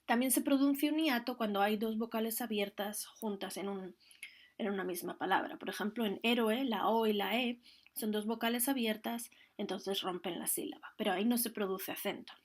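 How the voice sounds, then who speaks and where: A woman's voice: medium pitch, moderate pace. A woman teaching a grammar lesson, explaining the rules patiently and carefully, one step at a time. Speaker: Spanish teacher.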